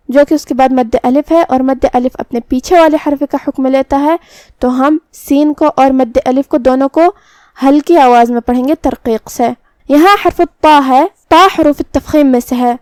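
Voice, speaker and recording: Woman recitation teacher, high voice, dry close sound, methodical step-by-step explanations. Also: a little mellow, no room sound. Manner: explains pronunciation rules step by step, then recites very slowly. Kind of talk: tajweed lesson with slow chanted recitation.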